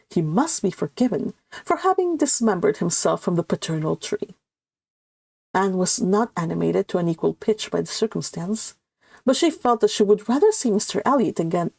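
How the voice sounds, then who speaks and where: A woman hosts a read-along, reading a classic novel aloud and pausing to comment and chat casually with listeners, mixing storybook narration with livestream banter. Her voice is medium-pitched, darkish and husky, recorded with no echo.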